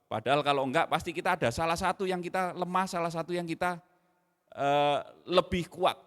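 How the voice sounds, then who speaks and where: A middle-aged man preaching a sermon in an animated way, dropping in slang. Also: on the high side, a little fast. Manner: animated, mixes in Javanese slang, acts out his own scolding. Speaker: pastor. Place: church hall. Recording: long hall reverb.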